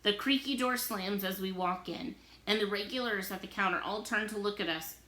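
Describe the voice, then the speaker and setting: A teacher reading a novel aloud to her listeners, giving the story plenty of expression. Her voice is bright and clear, and the room around her echoes noticeably. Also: mid-range voice, normal speed. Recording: roomy echo.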